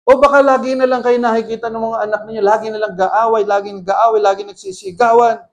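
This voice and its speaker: A man's voice: very high-pitched, steady tone, fast. A man preaching as pastor, mixing Tagalog and English and putting rhetorical questions to the congregation. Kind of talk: sermon.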